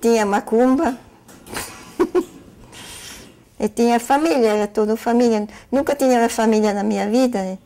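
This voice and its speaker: A woman recalling her memories slowly in a documentary interview. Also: fairly high pitch, dark tone.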